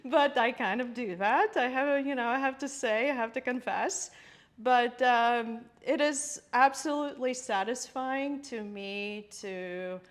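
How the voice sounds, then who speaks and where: A woman's voice: on the high side, unhurried. A woman from Latvia, a guest interior designer in a podcast interview, thoughtful and searching for words with frequent laughter.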